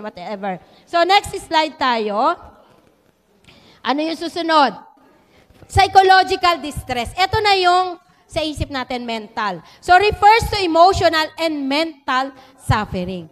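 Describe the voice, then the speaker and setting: A woman giving a lively church teaching talk, mixing in English and acting out quotes. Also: high voice. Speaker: church speaker. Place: church hall. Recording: long hall reverb.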